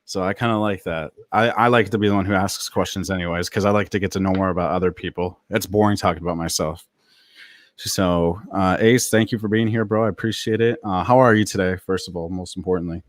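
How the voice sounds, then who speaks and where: A man hosting a casual livestream interview, chatty and upbeat, with plenty of "like" and fillers. His voice is on the low side. The sound is dry, with no room echo. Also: steady tone, brisk.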